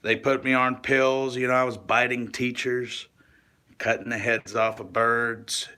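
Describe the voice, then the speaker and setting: A man giving a rambling, confessional monologue to camera, halting and restarting often and swearing casually. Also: medium pitch, flat delivery, bright, forceful tone.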